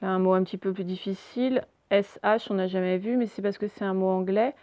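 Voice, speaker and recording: A woman's voice: medium pitch, fairly even intonation, fairly quick, warm tone, dry recording. A woman teaching reading and handwriting to young children remotely, recorded on a phone, explaining step by step with frequent hesitations. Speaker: primary school teacher.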